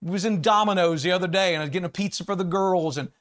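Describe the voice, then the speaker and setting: A middle-aged American man preaching a sermon, moving from quiet folksy stories to shouted emphasis on scripture. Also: high voice, rapid-fire. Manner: folksy, conversational storytelling between scripture readings. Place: church sanctuary.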